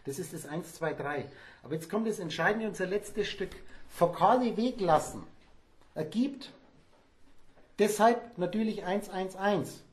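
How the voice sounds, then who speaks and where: A man's voice: high-pitched, lively intonation, a little slow. A man giving a spontaneous, rambling lecture to a small audience, emphatic and digressive. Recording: echoey room.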